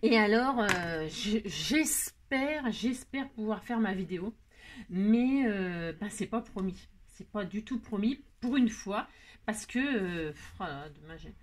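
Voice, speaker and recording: A woman's voice: mid-range voice, animated, unhurried. A woman hosting a scrapbooking tutorial, chatting playfully with her viewers and rambling to herself while she works. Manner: talks to herself while working, frequent filler words. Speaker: crafting channel host.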